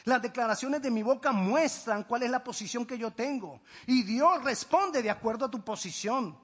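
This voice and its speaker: A man delivers a sermon with a strikingly high, slightly husky voice. He swings between emphatic, raised declarations and hushed, intimate asides, like a pastor working the congregation. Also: normal speed.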